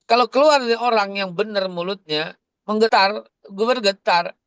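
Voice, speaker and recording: A man co-hosts a religious discussion, his voice high and smooth. He tells stories casually with street slang and acts out the quotes. The sound is dry and close. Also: moderate pace, a bit bright, no room sound. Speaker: co-host of religious talk.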